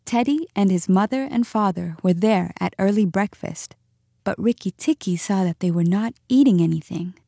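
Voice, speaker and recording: A woman's voice: medium pitch, vocal fry, dry recording, clean studio sound. Woman reading a storybook aloud. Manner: expressive, measured reading. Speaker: narrator.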